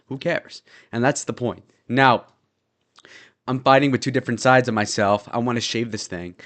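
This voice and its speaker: A young man streaming, talking fast in a casual, rambling, sarcastic way as he reads chat comments. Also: medium pitch, steady tone, a bit bright. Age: young adult.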